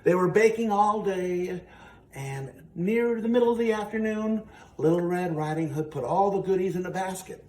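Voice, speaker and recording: This man's voice is high and a bit dark, delivered at an ordinary speed as he runs a kids' storytime with ventriloquism. He tells the story and explains things in a patient, homespun manner, recorded from afar in a reverberant room with slight noise.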